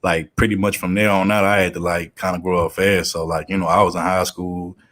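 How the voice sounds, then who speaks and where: A man's voice: low voice, level tone, brisk, fairly bright tone. A man in his thirties from Houston with a Southern accent, chatting casually and rambling with many fillers. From Houston, Texas. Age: 30s. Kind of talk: casual podcast chat.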